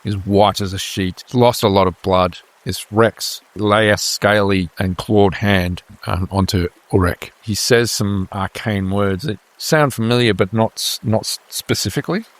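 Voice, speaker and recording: A man narrating calmly as game master of a tabletop game. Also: fairly low pitch, measured pace, few pauses, dry recording.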